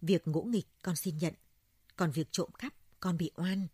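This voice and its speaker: A woman's voice: on the low side, a little slow, mellow, slightly rough, dry recording, studio quality. A woman voicing a wild young son who screams and pleads in terror, in a told folk story. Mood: humble. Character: young man, wild unruly son, terrified.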